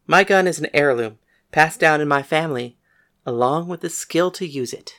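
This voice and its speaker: A woman's voice: sits low, normal speed, fairly bright tone. Woman voicing a blunt young gunslinger woman. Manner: blunt, matter-of-fact. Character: bold young gunslinging woman, cook, frank. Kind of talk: audiobook character voice.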